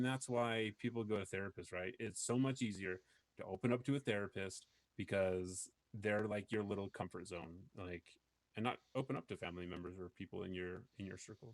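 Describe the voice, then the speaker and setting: A man's voice: on the low side, no echo. A man hosting a podcast, talking earnestly and rambling with many fillers in casual chat. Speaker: podcast host.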